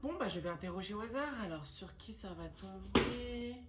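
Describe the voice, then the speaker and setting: A woman's voice: mid-range voice, animated, normal speed, very noisy. A woman acting in a comedic sketch, stern and dry as a teacher. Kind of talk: comedic POV sketch, playing a teacher and a mother.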